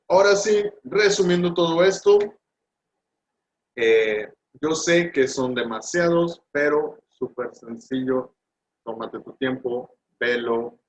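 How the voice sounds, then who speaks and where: Slow patient man teaching grammar. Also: medium pitch, highs cut off. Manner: patient, drawn-out examples, rising on English words. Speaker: English teacher. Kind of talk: explaining grammar in Spanish.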